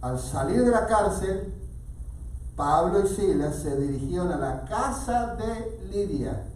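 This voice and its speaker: A man preaching a sermon, reading scripture aloud dramatically with sudden loud emphasis. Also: sits high, lively intonation, slow, slight background noise. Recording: very echoey room, from far off.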